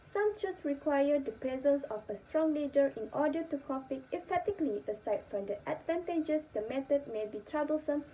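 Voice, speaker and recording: A woman's voice: sits high, lively intonation, normal speed, hardly any pauses, dark tone, rough recording. A young woman giving a scripted slide presentation as a student presenter. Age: young adult. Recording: faint background noise.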